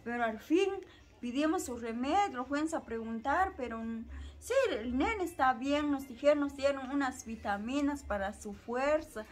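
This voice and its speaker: A young woman telling a personal story in a halting, repetitive way. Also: sits high, expressive. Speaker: interviewee, mother. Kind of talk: personal testimony.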